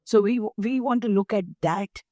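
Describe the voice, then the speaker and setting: An older woman with an Indian accent, speaking as a guest in an interview, measured and emphatic as she explains through lists of examples. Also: medium pitch, warm tone, dry recording, studio quality. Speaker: guest, nonprofit founder. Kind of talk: interview conversation.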